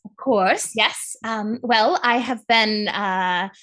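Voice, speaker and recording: A woman playing an odd contestant who talks dreamily and haltingly about loving children. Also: on the high side, fairly bright tone. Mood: dreamy. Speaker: game show contestant. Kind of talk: improv comedy character.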